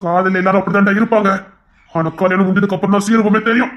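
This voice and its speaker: A man voicing a stern, hurt older brother who speaks slowly and accusingly. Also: sits high, fairly even intonation, dull audio, close to an everyday voice.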